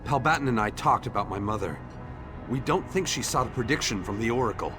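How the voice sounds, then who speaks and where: A man performs scripted fantasy game dialogue as an earnest young townsman who is hopeful, grateful, and set on defying fate. His natural, middling-pitched voice is animated and fairly quick with a declamatory streak, and music plays softly behind him.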